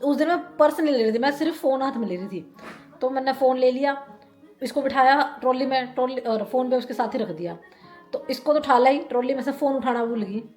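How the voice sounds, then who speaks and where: Woman from india vlogging, chatty and rambling, laughs a lot, faint music in the back. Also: high-pitched. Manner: chatty, rambling, often laughing and repeating herself. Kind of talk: casual storytelling vlog.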